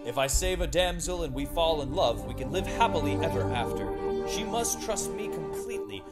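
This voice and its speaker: A man acts as a noble young cartoon knight with a slightly high voice. He speaks solemnly and formally, firm yet loving, over loud music. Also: expressive, moderate pace, lightly acted. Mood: solemn, proud. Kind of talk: dubbed fairy tale cartoon. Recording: music behind the voice.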